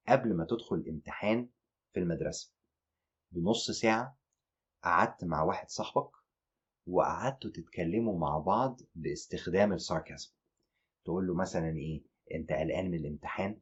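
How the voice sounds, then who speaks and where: A man with an Egyptian Arabic accent teaching an online exam-prep lecture, animated and mixing English terms into his explanations. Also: low-pitched, fairly quick, long pauses, breathy edge, dull audio.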